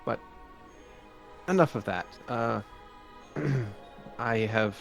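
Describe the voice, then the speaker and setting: A man's voice: mid-range voice, very slow, gravelly, faint music behind. A man voicing a genteel older noblewoman and mother of grown children, speaking in a hesitant, wistful way.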